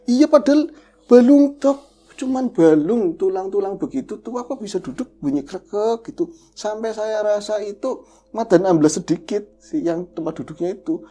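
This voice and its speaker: A man telling a horror story casually as a podcast co-host, lively and acting out the voices of the people in it. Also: high-pitched, moderate pace.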